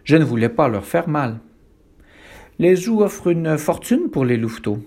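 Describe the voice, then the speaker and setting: Scheming old granny, played by a man: high, sharp, defensive. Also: big pitch swings, moderate pace. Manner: defensive, snappy.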